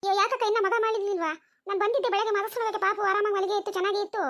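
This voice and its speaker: A woman's voice: very high voice, steady tone, very fast, fairly bright tone. A woman voicing a fussy, preachy neighbor mother in a cartoon, gossipy and lecturing.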